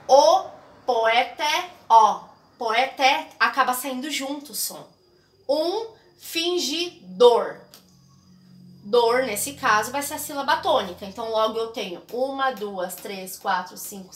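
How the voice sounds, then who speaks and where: A woman's voice: a little high, sharp tone. A woman teacher with a Brazilian Portuguese accent explaining a literature lesson and often checking in with her students. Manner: explanatory, checks in with frequent tags. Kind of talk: recorded classroom lesson. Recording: echoey room.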